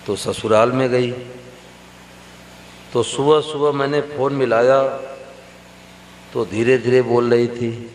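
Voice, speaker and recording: Slow-speaking male preacher in echoing hall. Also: mid-range voice. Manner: slow, storytelling, addresses the audience directly. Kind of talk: devotional sermon. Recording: roomy hall reverb with faint hum.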